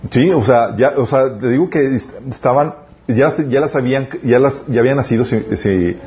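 Guy preaching to young people, keeps restarting, slows way down to stress things, kinda muffled recording. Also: mid-range voice, slight background noise. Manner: conversational, with many restarts and emphatic slowed phrases. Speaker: youth pastor. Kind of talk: sermon. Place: church.

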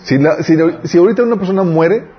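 A man leads an informal Bible class conversationally, often checking that the class agrees with him. His voice is high-pitched and quick, and the audio sounds dull.

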